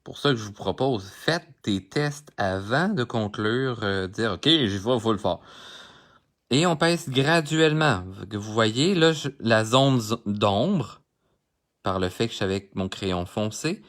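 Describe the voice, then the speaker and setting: An art instructor with a Québécois French accent and a mid-range, somewhat bright voice gives a live-streamed coloring tutorial. He talks with his audience throughout as he works.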